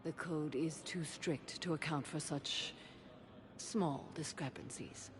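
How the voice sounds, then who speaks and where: An actress playing a stoic alien warrior matriarch in a video game, formal, measured and solemn. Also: female voice, low voice. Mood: stern, resolute. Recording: clear background ambience noise.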